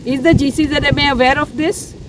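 A woman's voice: high-pitched, fairly even intonation, a little fast, background noise. Insistent woman activist outdoors. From India. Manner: earnest, insistent, with frequent restarts and fillers. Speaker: civic activist. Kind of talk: on-the-spot news interview. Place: outdoors near a beach, under an umbrella.

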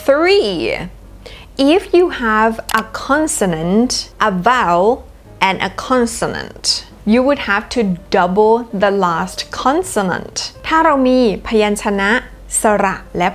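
A woman hosting a casual English lesson, switching between Thai and slow, careful English as she explains spelling rules. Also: mid-range voice. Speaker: English teacher.

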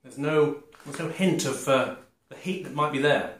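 A man's voice: fairly high pitch, fairly bright tone. Man's casual tasting chat, roomy echo. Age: 40s. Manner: halting, muttering between bites with a full mouth. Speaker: food review vlogger. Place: small glazed conservatory. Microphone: camera a short distance away. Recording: roomy echo, clear background noise.

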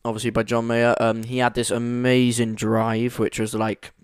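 A man's voice: mid-range voice, completely flat delivery, moderate pace, clear, resonant tone, dry recording. A young man chatting casually as a podcast co-host, rambling and enthusiastic, right up close to his microphone. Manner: rambling, enthusiastic, full of fillers. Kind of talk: casual chat.

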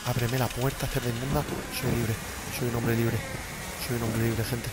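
A man's voice: medium pitch, monotone, moderate pace. A man from Spain giving casual, chatty gameplay commentary as a streamer, swearing freely and talking to his chat. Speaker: streamer playing a horror game. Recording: loud rain noise behind.

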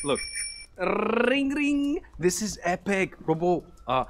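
A man's voice: high-pitched, sing-song, slow, over loud music. Giggly playful male streamer outdoors. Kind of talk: casual live-stream chat.

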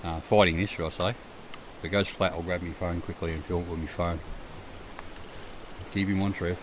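Middle-aged Australian man, camp vlogger, relaxed and chatty, lower voice, caught from a distance on a noisy camera mic outdoors. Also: normal speed. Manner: laid-back, chatty, self-amused. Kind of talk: casual camp narration. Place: riverbank campsite at night, outdoors.

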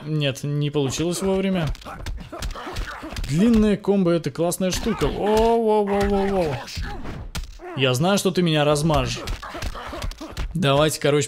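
A young adult man with a slightly high voice commentates casually over gameplay. He talks in an informal, slangy way, as if chatting with viewers. The recording has clear noise behind him. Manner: slangy, informal, narrating and paraphrasing the cutscenes. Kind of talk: casual Let's Play commentary.

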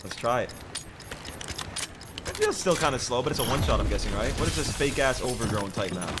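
Young male game streamer, frat-bro slang and heavy cursing, lively mid-pitched delivery over loud game noise. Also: brisk. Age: young adult. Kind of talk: live gameplay commentary. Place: indoor room, streaming setup. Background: shooter game gunfire, vehicles.

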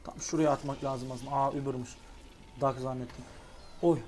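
A young man giving casual, excitable commentary while playing a racing game online. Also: medium pitch, moderate pace, faint music behind. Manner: excitable, exclaims at near misses. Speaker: gaming YouTuber.

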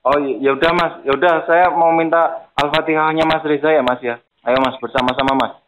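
This prank caller's voice sits on the high side, with fairly even intonation and a slightly quick pace over crowd noise. Posing as a grateful victim, he speaks politely but presses insistently, almost begging.

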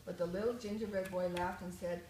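An older woman, a grandmother, reading a children's story aloud with expressive, rhythmic storytelling. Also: on the low side, fairly quick. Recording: echoey room, faint noise.

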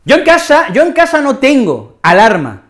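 A woman with an accent from Spain teaching a language lesson, expressive and repeating key phrases as she acts out examples. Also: sits high, moderate pace. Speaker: Spanish teacher.

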